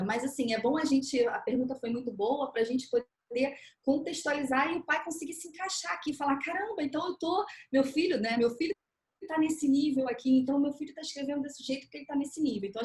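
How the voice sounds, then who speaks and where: A woman with a Brazilian Portuguese accent, an educator explaining step by step on a panel discussion, animated and acting out parents' reactions. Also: sits high. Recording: echoey room sound.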